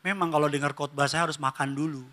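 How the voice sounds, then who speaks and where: Bright, high-voiced animated male pastor. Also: quick pace. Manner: animated and humorous, swinging from loud exclamations to hushed asides; acts out family dialogue in character voices. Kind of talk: sermon. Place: church.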